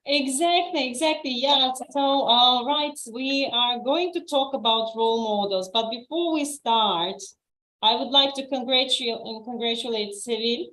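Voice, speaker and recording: A woman from Russia hosting a live online speaking club over a video call, giving friendly instructions with frequent pauses and fillers. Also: high voice, sharp tone, low-quality recording. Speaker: host and English teacher.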